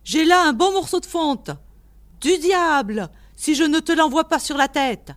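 A gruff old man who keeps a house full of animals, shouting and scolding in a high voice, put on by a woman reading a story aloud. He talks at an unhurried pace. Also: expressive. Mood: yelling angrily. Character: cranky old male animal keeper, gruff.

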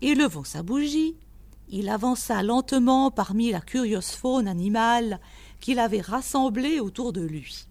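A woman reading a story aloud in measured audiobook narration. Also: on the high side, lively intonation, darkish tone. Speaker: reader.

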